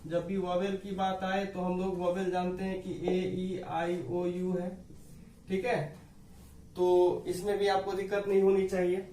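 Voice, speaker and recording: High-voiced man teaching grammar patiently. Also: monotone, a little slow, mellow, roomy sound, recorded from a distance, a little hiss or hum, poor audio. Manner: patient, repeats rules, addresses dear students. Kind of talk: classroom explanation to students.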